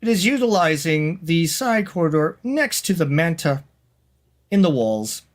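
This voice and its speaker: Obedient shipboard computer for a sci-fi tabletop game, played by a man: formal, terse, slow. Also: on the high side, big pitch swings. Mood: calm, dutiful.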